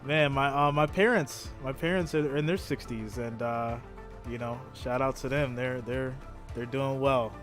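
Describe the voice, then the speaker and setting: A man's voice: medium pitch, unhurried, fairly bright tone. Guy in his 30s rambling on his live stream, keeps repeating himself, faint music behind. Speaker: live stream host reacting to a game. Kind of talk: casual live-stream chat with viewers.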